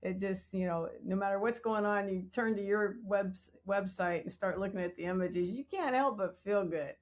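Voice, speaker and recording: A woman hosting an interview, encouraging her guest and quick to laugh and agree. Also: mid-range voice. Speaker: podcast host. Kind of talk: casual interview conversation.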